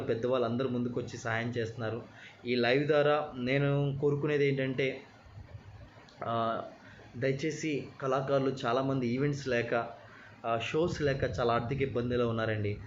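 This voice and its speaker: A man's voice: mid-range voice, steady tone, normal speed. Male mimic hosting a live stream, friendly chatty delivery, dull lo-fi sound. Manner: chatty, thanks commenters, mixes in English. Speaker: mimicry artist. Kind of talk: live-stream chat with viewers. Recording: lo-fi live stream, faint noise.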